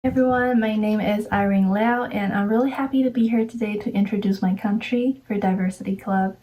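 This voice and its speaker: A woman's voice: medium pitch, steady tone, fairly quick, distant mic, dull audio. A woman from Taiwan giving a prepared slideshow presentation, explaining step by step in an earnest way.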